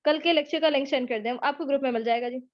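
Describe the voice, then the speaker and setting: Talking very fast, a high-voiced, Pakistani-accented woman teaches spoken English in a live online lecture with Q&A. She mixes English phrases into her Urdu while teasing and cheering on her students in a chatty way. The audio is lo-fi and dull, typical of a web session.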